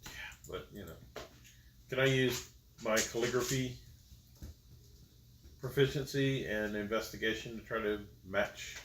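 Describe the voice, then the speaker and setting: A man player at a tabletop game table asking questions in a halting, casual way. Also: on the low side. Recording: distant from mic in a roomy space, faint noise.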